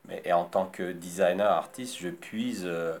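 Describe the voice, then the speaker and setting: Born in Congo and raised in France, a male designer answers interview questions haltingly, using many fillers. His voice is deep.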